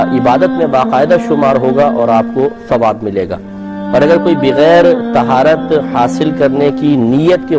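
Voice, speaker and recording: Man teaching religious rules, steady and measured. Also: mid-range voice. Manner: measured explanatory teaching with fillers. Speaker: mufti hosting a call-in program. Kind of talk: religious instruction on a call-in show.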